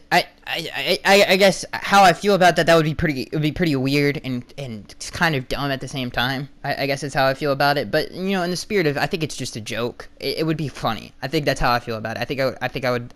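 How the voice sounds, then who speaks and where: A man's voice: medium pitch, fairly bright tone. Rambling man with a tired voice. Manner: rambling, restarts and fillers, blunt opinions. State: losing his voice. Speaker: podcast host answering fan questions. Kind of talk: casual solo podcast.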